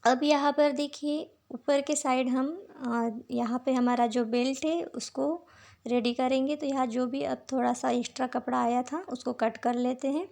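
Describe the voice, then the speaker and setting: A woman with a sore throat, calmly walking viewers through a sewing tutorial step by step. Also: high-pitched, moderate pace, vocal fry. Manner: patient, repeats "dekhiye" while showing each step. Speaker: sewing teacher.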